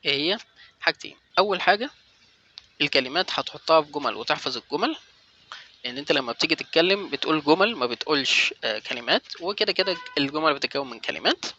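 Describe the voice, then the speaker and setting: A young man with an Egyptian Arabic accent talks straight to the viewer, coaching and direct. His voice is bright and forceful, and he speaks quickly. The audio is slightly dull and lo-fi. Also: fairly high pitch, animated, a little hiss or hum. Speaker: language-learning vlogger. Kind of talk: motivational advice talk to camera.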